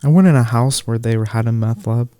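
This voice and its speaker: A man's voice: mid-range voice, brisk, mellow, no room sound. A young man co-hosting a podcast in casual chat, laid-back and hesitant, often repeating himself. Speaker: podcast co-host.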